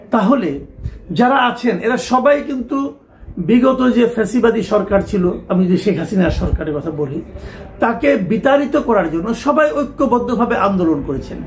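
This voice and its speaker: A man's voice: high-pitched, very animated, moderate pace, slight background noise. A middle-aged man, giving a talk show political commentary with emphatic rhetorical questions.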